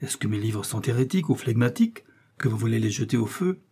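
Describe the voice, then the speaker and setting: A man's voice: mid-range voice, animated, quick pace, warm tone, husky. A man reading the part of a stubborn, blustering innkeeper in an audiobook. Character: stubborn old innkeeper in love with chivalry books.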